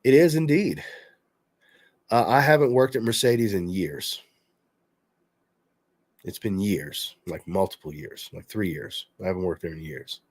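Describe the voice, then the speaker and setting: A stuffy, congested man with a low voice reviews fragrances on a livestream, speaking a little slowly and pausing often. He's relaxed, reading chat questions aloud and answering them conversationally, and there's no echo.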